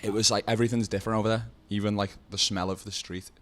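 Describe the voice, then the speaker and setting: A man's voice: on the low side, little pitch movement, fast talker, a bit bright. A young man from Liverpool with a Liverpool accent, a band member joking dryly in a casual interview. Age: young adult. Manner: joking, dry one-liners.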